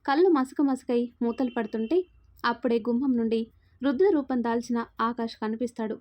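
A woman's voice: fairly high pitch, brisk, a little mellow. A woman storyteller giving scripted, dramatic story narration.

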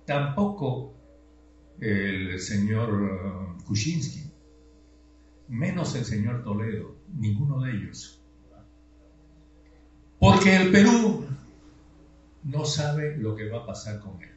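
An older man lectures at an unhurried pace, asking questions and then answering them himself. He sounds tired. The room is roomy and a bit dull, with a faint hum behind him. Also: medium pitch, expressive. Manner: slow, deliberate, with rhetorical questions and emphatic rises. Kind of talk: classroom lecture. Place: classroom.

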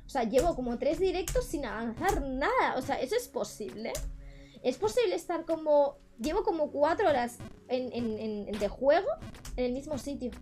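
A woman's voice: high voice, expressive, moderate pace, a little mellow, faint music behind. Exasperated young Spanish woman streamer. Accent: Spain Spanish. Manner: frustrated, exclaiming and swearing at the game. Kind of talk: live gaming stream chat.

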